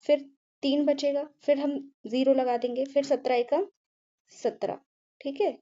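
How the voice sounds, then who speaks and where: High-voiced woman teaching a patient maths lesson. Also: level tone, unhurried, dark tone, highs cut off. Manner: patient, repeats "ठीक है" and asks herself questions.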